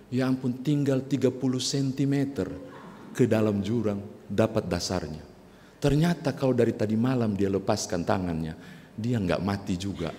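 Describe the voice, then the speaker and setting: A man's voice: medium pitch, mellow. A male pastor preaching a sermon in a conversational storytelling way, addressing the congregation directly. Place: church sanctuary. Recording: reverberant church with faint hiss.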